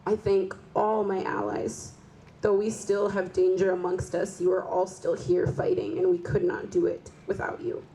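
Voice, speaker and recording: A woman delivering a solemn prepared tribute speech at a rally, measured and earnest. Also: medium pitch, little pitch movement, mellow, slight background noise, poor audio. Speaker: rally speaker.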